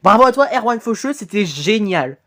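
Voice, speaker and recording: A woman giving casual reaction commentary on fan cartoon episodes. Her talk is chatty and enthusiastic, with a lively, bouncing pitch. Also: moderate pace. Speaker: YouTube reactor.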